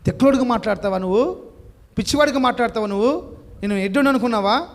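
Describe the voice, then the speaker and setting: A man's voice: very high voice, fast talker, voice pushed up. A man voicing a shrewd neighbor who questions and scolds an old man in a sermon story. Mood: scolding.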